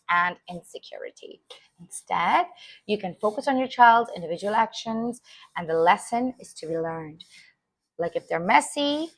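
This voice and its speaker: A woman's voice: medium pitch, no echo. A woman who works with preschool teachers gives an informal talk on parenting, speaking earnestly with emphasis and acting out the phrases parents say. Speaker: early childhood educator.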